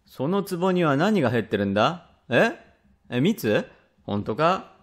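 A man voicing a rough, quick-tempered father from old Edo, speaking blunt old Edo Tokyo speech in a rakugo tale. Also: a little high, big pitch swings. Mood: irritated. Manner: gruff, blunt, grumbling. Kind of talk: rakugo storytelling.

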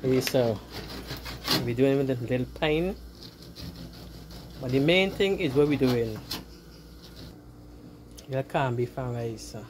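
Chatting casually to viewers as she cooks in her home kitchen, a Guyanese-accented cooking vlogger often repeats her words. Her very deep voice has lively intonation, a slow pace and frequent pauses. The handheld phone camera gives a noisy recording full of frying sizzle.

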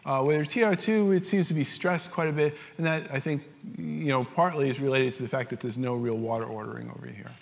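A man's voice: medium pitch, brisk, gravelly, few pauses. New York man lecturing in a hall. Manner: explanatory, frequent fillers and restarts. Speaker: scientific lecturer. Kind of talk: technical lecture.

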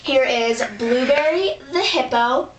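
A woman doing a bossy dog host. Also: high-pitched. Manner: brisk, impatient, emcee patter. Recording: roomy distant home recording, faint hiss.

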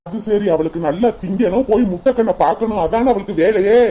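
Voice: mid-range voice, quick pace, mellow, natural voice. Voice actor as a snappish cartoon husband. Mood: grumbling. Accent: Kanyakumari Tamil. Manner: snappish, scolding. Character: grumpy young husband in a hurry. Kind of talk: cartoon voice acting.

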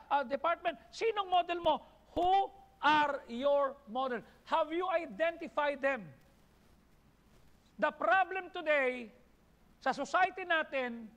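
A man's voice: very high voice, a bit bright. A man with a Filipino accent preaching a sermon as pastor, building emphatic lists. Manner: preaching in mixed Tagalog and English, rising emphatic lists. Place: church hall. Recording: long hall reverb in a church.

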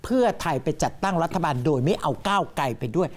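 A woman's voice: fairly low pitch, expressive, fast talker, a little mellow. A woman hosting a studio talk show, pressing her guest with probing questions.

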